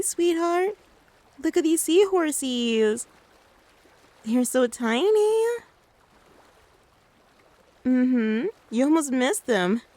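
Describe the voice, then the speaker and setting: A woman playing a gentle, doting mother in a soft-spoken ASMR role-play, soothing and coaxing as she talks to the listener like a small child. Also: high voice. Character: gentle doting mother taking her little one out. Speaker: ASMR creator.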